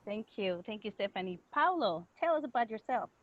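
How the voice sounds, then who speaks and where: A woman's voice: medium pitch, big pitch swings, a little fast, dry recording, phone-quality sound. A woman hosting and introducing guests on a video call, speaking casually with some fillers. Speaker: host, church music director.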